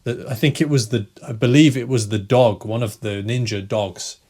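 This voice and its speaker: A man teaching English, retelling a story slowly for learners, repeating key phrases and checking in with "right?". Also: mid-range voice, steady tone, darkish tone, husky. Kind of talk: slow retelling for language learners.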